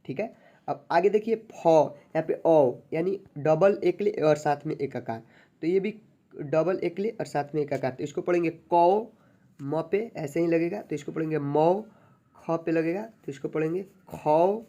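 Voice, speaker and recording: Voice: medium pitch, warm tone, highs cut off. Patient teacher sounding out syllables. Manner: patient, repetitive, checks understanding often; sounds out syllables slowly and drawn out. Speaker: Hindi teacher. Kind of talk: online alphabet lesson.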